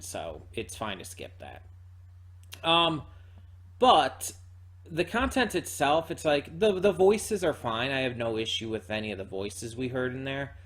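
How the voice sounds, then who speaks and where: Hosting his reaction channel, this man reviews things casually in speech, stumbling a bit and repeating himself while working through his thoughts. He has a medium-pitched, slightly bright voice.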